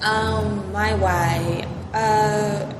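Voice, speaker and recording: A young woman, answering interview questions in a relaxed, hesitant way. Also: mid-range voice, drawn-out words. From West Philadelphia. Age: 20s. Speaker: business owner guest. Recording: echoey room with background noise.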